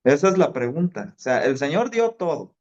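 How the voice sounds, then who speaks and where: A man's voice: a little high, very animated, normal speed, a little mellow, highs cut off. A man preaching a sermon, telling stories in a conversational way and dropping fillers. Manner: conversational storytelling with fillers like "este".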